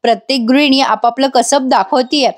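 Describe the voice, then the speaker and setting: In a high-pitched voice at normal speed, a woman reviewing a TV serial chats through a voice-over recap and talks directly to the people watching.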